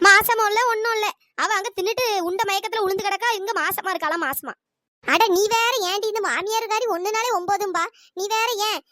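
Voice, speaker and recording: Squeaky scornful cartoon mother-in-law. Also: sharp tone, dry recording, studio quality. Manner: scornful, scolding, quick-talking. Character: grumbling sharp-tongued village mother-in-law. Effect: sped-up high-pitched cartoon voice.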